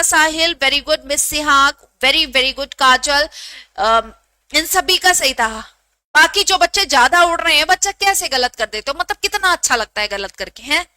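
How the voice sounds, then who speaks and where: Young woman teacher, super high bright voice, dry close mic, quick scolding-but-fond online class vibe. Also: no echo. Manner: brisk, scolding-affectionate, repeats questions to students. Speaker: Hindi teacher. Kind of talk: live online exam-prep class.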